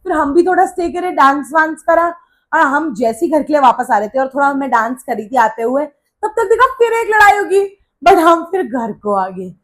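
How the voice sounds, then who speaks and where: A young woman vlogger telling a story in a casual, animated way, mixing Hindi with English phrases. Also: high-pitched, moderate pace.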